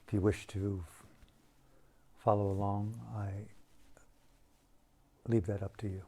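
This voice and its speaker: Guiding a meditation, a man uses short, deliberate phrases spoken very slowly, separated by long pauses. His voice is low, mellow, and hushed, with little pitch movement.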